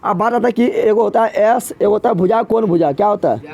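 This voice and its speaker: Teaching math to a live class, this tutor speaks in a high, creaky, slightly mellow voice at a fairly quick pace, with some chatter audible behind him. He says key words three times over and asks the students to repeat them back, call-and-response style.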